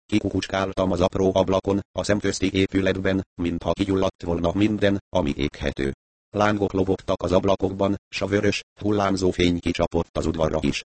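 A man with a very low voice reads a first-person story at an even, measured pace. The sound is close and dry, with no room echo. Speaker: narrator. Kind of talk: first-person audiobook narration.

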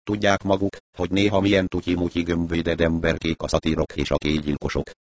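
A composed male investigator, voiced by a man reading the book, presses his questions in a measured, reasoning way. The voice sits deep and the recording is close and dry, with no room around it. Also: flat delivery, dry recording, natural voice. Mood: probing. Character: male investigator, calm, probing, philosophical.

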